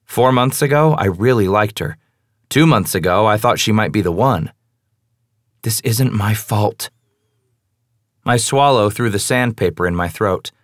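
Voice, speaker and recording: Young male narrator, low and intimate, brooding first-person read, dry close sound. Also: animated, measured pace, long pauses, no room sound. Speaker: audiobook narrator.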